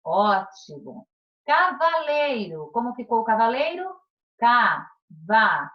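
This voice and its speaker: Lively Brazilian woman teacher, slow and encouraging. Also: on the high side, muffled recording. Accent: Brazilian Portuguese. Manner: encouraging, drawn-out syllables, frequent "tá?" check-ins. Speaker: primary school teacher. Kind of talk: recorded remote class lesson.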